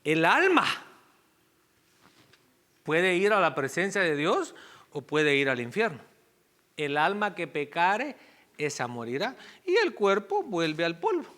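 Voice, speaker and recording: A man's voice: a little high, big pitch swings, slow, long pauses, fairly bright tone. A male pastor preaching a Sunday sermon in a conversational way, with asides and self-corrections.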